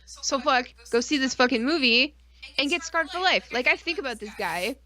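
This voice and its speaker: On a podcast she co-hosts, a woman with a high voice talks at a normal speed in relaxed conversation. Her storytelling is profane, wandering and lively, full of acted-out asides.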